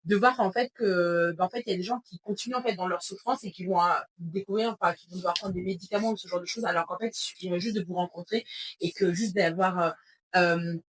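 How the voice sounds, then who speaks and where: A woman with a husky, breathy voice talks business on a podcast. She speaks in a fiery, informal way, full of slang and quick bursts of frustration. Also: lowish voice, steady tone, rough recording. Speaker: podcast guest, business coach. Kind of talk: casual podcast conversation.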